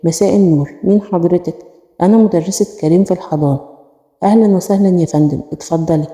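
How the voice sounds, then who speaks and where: A woman's voice: on the low side, quick pace, warm tone, lightly acted. A woman with an Egyptian accent voicing a harsh, hot-tempered middle-aged father in a storybook, speaking curtly. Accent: Egyptian Arabic. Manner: curt and angry. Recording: echoey room with long reverb.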